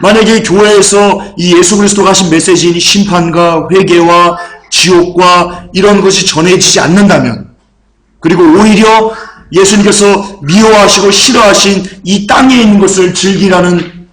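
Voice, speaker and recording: Fervent high-voiced male preacher, echoey hall. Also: moderate pace. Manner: fervent, repetitive preaching that swings to shouted proclamations. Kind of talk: sermon.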